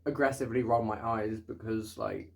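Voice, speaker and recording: A man's voice: on the low side, steady tone, normal speed, creaky. Sweary young man ranting casually. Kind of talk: casual storytime chat.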